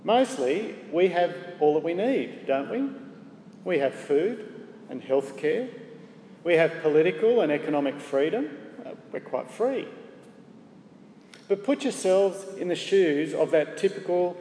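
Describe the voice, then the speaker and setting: A man preaching a sermon in a measured way, asking the congregation rhetorical questions. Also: on the high side, expressive, warm tone, slight background noise. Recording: echoey hall with faint ambience.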